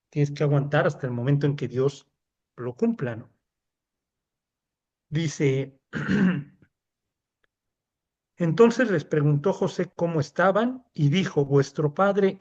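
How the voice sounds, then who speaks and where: A man's voice: a little high, dark tone, highs cut off. A man with a Mexican accent leading a Bible study, reading scripture aloud and explaining it in a chatty way, often checking in with "¿no?". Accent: Mexican Spanish. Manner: reads scripture aloud, then explains it conversationally with frequent "¿no?" checks.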